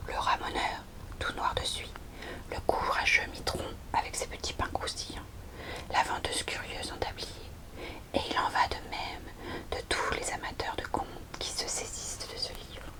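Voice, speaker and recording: A young adult woman presenting books in a soft, unhurried library whisper, in the style of an ASMR recommendation video. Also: rough recording. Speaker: ASMR host recommending storybooks. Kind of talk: whispered ASMR book talk.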